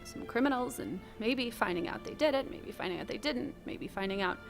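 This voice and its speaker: A woman's voice: on the high side, lively intonation, fairly quick, creaky, over music. A woman playing a scheming radio journalist who fakes crying for her story, gushing and theatrical, then smug. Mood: tearful. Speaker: fake podcast reporter. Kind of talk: improvised comedy podcast sketch.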